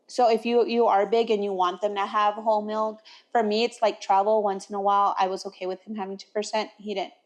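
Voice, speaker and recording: A woman's voice: medium pitch, flat delivery, a little fast, hardly any pauses. A young mother co-hosting a podcast, telling stories animatedly with laughs and acted-out exchanges. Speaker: podcast co-host. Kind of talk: casual chat.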